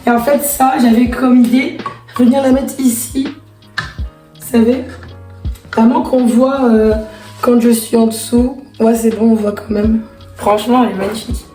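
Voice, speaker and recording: A woman chatting casually to viewers as a vlogger, her voice hoarse and raspy, as if nearly lost. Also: on the high side, mellow. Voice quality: raspy, strained from laryngitis. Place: echoey room indoors. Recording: echoey room with background music. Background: music.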